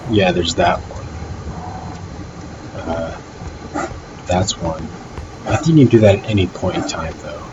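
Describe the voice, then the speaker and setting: A man's voice: deep voice, heavy background noise. A man giving casual gameplay commentary as he presents a walkthrough, offhand and hesitant, thinking aloud. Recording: loud game audio behind voice. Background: loud music and game sounds.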